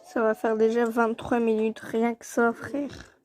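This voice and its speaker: A woman's voice: fairly high pitch, little pitch movement, unhurried, a little mellow, soft background music. A woman speaking in a slangy, familiar way as a companion in casual gameplay chat. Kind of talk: casual chat during a game.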